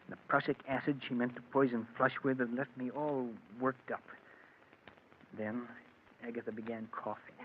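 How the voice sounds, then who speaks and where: A medium-pitched voice close to everyday speech, steady in tone and moderate in pace, belongs to an actor in an old-time radio drama. He plays an unhappily married man, bitter and lovelorn, earnestly and dramatically confessing his past through narration and dialogue in a wistful mood. The recording is old, muffled and noisy.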